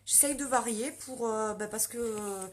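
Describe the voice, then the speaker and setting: A woman from Lot in southwestern France, with the region's accent, chats casually on a makeup live stream and answers viewer comments. Her voice is on the high side and her pace unhurried.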